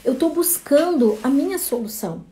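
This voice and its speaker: A woman's voice: sits high, animated, moderate pace, dark tone. A woman voicing a restless, stuck man who goes looking for God, speaking urgently in a told parable. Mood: excited.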